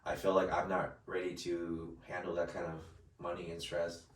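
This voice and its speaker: A man in his late twenties talks in a low, deep register with a roomy, echoing sound. He rambles through his points with many restarts and fillers, heard from a mic set back from him. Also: completely flat delivery, normal speed, distant mic. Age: late 20s. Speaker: podcast co-host. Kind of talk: casual chat.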